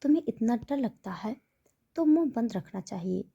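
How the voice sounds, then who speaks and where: A woman's voice: a little high, animated, moderate pace, gravelly, mellow, breathy edge, lo-fi sound, heavily acted. A domineering rich mother, read by a woman. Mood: stern. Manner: firm, commanding. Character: stern wealthy mother, domineering and cold.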